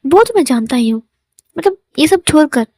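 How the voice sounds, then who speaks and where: A woman voicing a playful young man who teases his boyfriend, in a light, lively manner. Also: high voice, moderate pace, no echo, pitched above the performer's own voice. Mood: teasing. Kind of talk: storytelling in Hindi.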